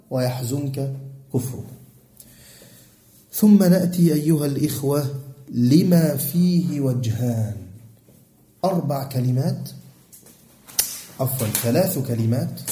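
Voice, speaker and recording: Man, Egyptian accent, recitation teacher, very mellow dark tone, echoey classroom, quizzes students. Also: mid-range voice. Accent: Egyptian Arabic. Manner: quizzes students with fill-in questions; chants quoted verse lines slowly. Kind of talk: classroom lesson on recitation rules.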